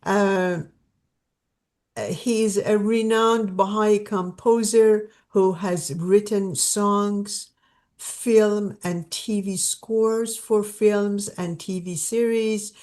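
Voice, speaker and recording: Welcoming people to an online video-call gathering, this woman introduces a guest warmly and off the cuff, full of fillers and restarts. She speaks at a medium pitch with a dark tone.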